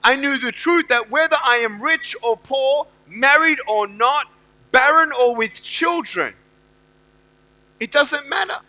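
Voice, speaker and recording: A man's voice: extremely high pitch, measured pace, bright, forceful tone, poor audio. A middle-aged man giving a motivational speech to students at a university event. He talks emphatically and repeats his key phrases. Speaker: motivational speaker.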